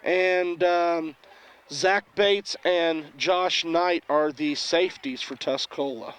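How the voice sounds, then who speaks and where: A man giving local high school football commentary in a folksy, rambling way, full of fillers. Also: steady tone, slow pace, a bit bright, clean tone.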